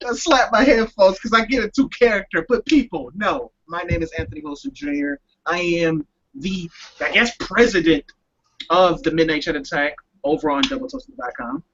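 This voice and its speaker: A man guests on a podcast, joking and swearing loosely. His voice is high and gravelly, bright and edgy, and swings widely in pitch. The audio is dull, with faint noise behind it. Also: animated, moderate pace. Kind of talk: casual podcast chat.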